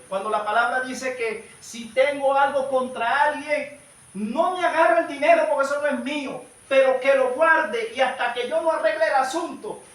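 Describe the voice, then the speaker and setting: A man's voice: very high-pitched, fairly bright tone. A man preaching a sermon at a church service, fervently addressing his listeners as brothers. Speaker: evangelist preacher. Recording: echoey hall, distant mic, faint noise.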